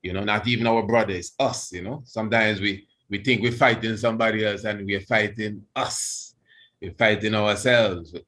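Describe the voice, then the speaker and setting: A man giving a reverent religious address as a priest, in Rastafarian speech, halting and deliberate, repeating phrases for emphasis. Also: lowish voice, steady tone, a bit bright.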